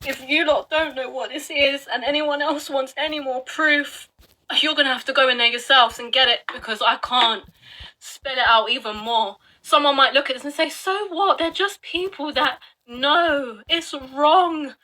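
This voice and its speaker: A woman's voice: high voice, steady tone, moderate pace, sharp tone. A woman giving an upset, urgent commentary to her viewers, swearing and pressing her points. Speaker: video blogger. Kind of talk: live commentary on online records.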